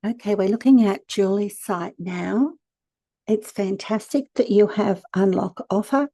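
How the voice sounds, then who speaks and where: A woman, hoarse from a cold, gives chatty, direct, practical advice as an e-commerce consultant and channel host. It's a casual screen-share tutorial. Her voice is medium-pitched and warm, with no echo.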